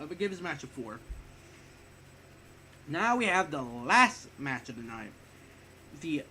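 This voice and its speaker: A man's voice: on the high side, a bit bright, a little hiss or hum. A young man giving a rambling, casual spoken wrestling review, a bit sick and short of breath, often correcting himself and swearing offhand.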